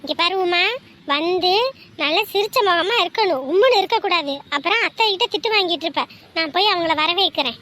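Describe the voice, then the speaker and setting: A woman playing a brisk, bossy village mother who scolds and welcomes guests in a family drama. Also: extremely high pitch, bright, forceful tone.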